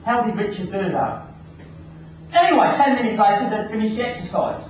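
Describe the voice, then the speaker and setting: A man giving an animated motivational seminar talk, firing rhetorical questions at a live audience. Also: high-pitched, fairly quick. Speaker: motivational speaker. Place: large hall with a live audience. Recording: echoey hall from far off, audience noise.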